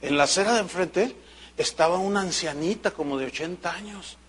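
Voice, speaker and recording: A pastor preaches a sermon. His voice sits high for a man, and he tells stories with energy, acting out the people in them. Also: a little fast, husky. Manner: animated storytelling, acts out quoted voices.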